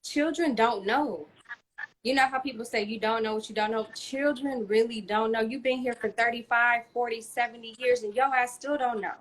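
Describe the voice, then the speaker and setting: A woman's voice: on the high side, steady tone, moderate pace, a bit bright, a little hiss or hum, rough recording. A woman hosting a casual conversation, reflective and opinionated as she makes her points. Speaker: host.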